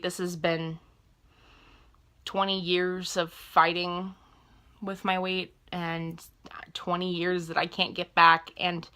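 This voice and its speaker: A woman in her twenties speaks to her camera in a casual personal vlog. She rambles openly and corrects herself mid-thought. Her voice sits a little low but has a bright, forward edge. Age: 20s. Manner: rambling and candid, self-correcting mid-sentence. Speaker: vlogger.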